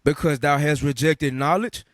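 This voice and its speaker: A man reads scripture aloud in a steady, formal cadence, announcing book, chapter and verse. His voice sits a little high and sounds somewhat removed from the mic, yet dry. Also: moderate pace, dry recording. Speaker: scripture reader.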